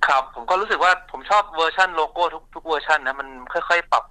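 A man speaking as an interview guest, recounting his family shop's story in a relaxed, chatty way with many fillers and restarts. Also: a little high, fast talker, low-quality recording.

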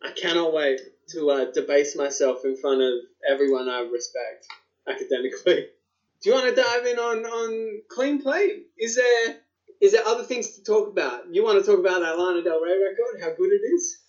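Speaking at a moderate pace in a high-sitting voice, this Australian-accented podcast co-host keeps things loose, full of slang and swearing. The audio comes across dull and lo-fi.

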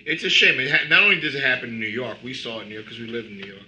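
Rambling storytelling man, very bright voice. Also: mid-range voice, rapid-fire, rough recording. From Cuba. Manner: rambling storyteller, frequent "you know". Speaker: band member guest. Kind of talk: casual chat.

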